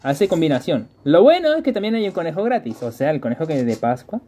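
A man live-streaming a game, chatting with viewers and repeating phrases in quick bursts. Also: on the high side, very animated, dark tone.

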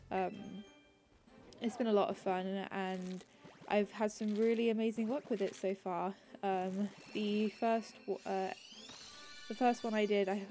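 A gaming channel host gives casual commentary over her gameplay, rambling in a relaxed way full of ums and restarts. Her medium-pitched voice is mellow, a little congested and raspy from a cold, with soft music playing faintly underneath.

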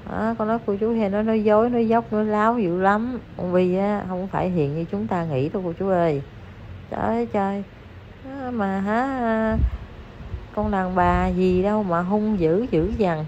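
A woman's voice: mid-range voice, normal speed, a little mellow. A woman with a Southern Vietnamese accent giving chatty, scolding gossip commentary straight to her viewers. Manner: chatty, scolding, addresses listeners as aunts and uncles. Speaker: online commentator. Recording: dull lo-fi recording with faint noise.

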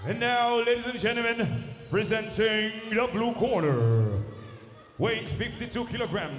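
Booming fight announcer guy, high pitched, big arena reverb, theatrical with stretched out names. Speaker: ring announcer at an MMA event. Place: large indoor arena cage. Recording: echoey arena PA, long reverb.

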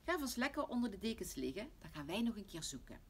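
A calm, practical storybook father who talks firmly and reassuringly, as a woman reads him aloud. The voice is husky and breathy, with a lively swing. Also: medium pitch, quick pace, voice pushed up. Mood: soothing. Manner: firm, reassuring. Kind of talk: storybook reading.

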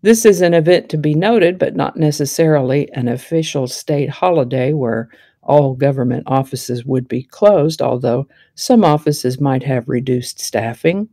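A woman with a gravelly, darkish voice runs through a scripted daily history segment. She mixes her reading with chatty, wry asides and stretches words out for emphasis. The sound is close and dry, with no room around it. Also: low voice, dark tone, no room sound. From Texas. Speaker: host.

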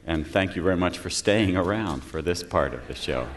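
A man's voice: low-pitched, expressive, moderate pace. A man telling jokes and stories in a folksy, humorous manner at a live storytelling show. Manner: folksy, joking delivery. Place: festival stage in a library. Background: banjo playing.

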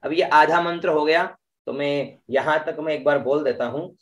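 In an online class, a man with a somewhat high voice teaches Vedic mantra recitation, going through each syllable before chanting the verse in long, drawn-out tones. He checks in with his students often, tagging his sentences with "है ना" and "ठीक है".

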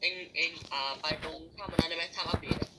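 A woman's voice: fairly low pitch, fairly even intonation, fast talker. A woman chatting casually with other players during a video game. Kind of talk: casual gaming chat. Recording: loud background noise, clicks.

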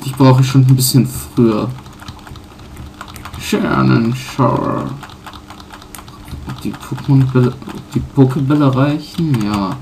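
Give me a man slowly narrating his gameplay at his computer, halting with fillers, over faint background noise. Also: medium pitch, creaky, a little mellow. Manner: halting, many fillers and self-corrections. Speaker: let's player. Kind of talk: casual game commentary.

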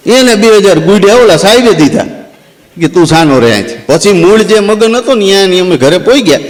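A man spins a comic village tale, slipping in and out of the people he quotes. His voice sits high for a man, and he stretches out the mourners' chants for effect. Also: brisk. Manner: lively, acts out quoted characters, drawls crowd chants. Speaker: stand-up comedian and storyteller. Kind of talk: folk comic storytelling.

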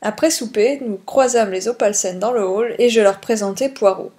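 A teacher reading a detective story aloud in clear, measured narration. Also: female voice, medium pitch, mellow.

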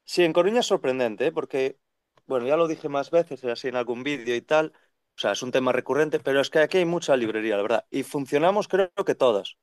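A man in his thirties, a second-hand bookseller, chatting on a video call in an animated way, talking in long runs. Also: medium pitch, a little fast, dry recording, studio quality. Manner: animated, talks in long runs and acts out quoted voices. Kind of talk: casual conversational interview. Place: bookshop with full shelves behind. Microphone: video call webcam.

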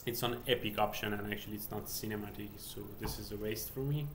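In his indoor home office, a man in his thirties from Iran, a game developer vlogger, gives a casual screen-share walkthrough in Persian-accented second-language English, hesitant and packed with fillers and restarts. He talks quickly in a lowish, steady-toned voice, with slight background noise.

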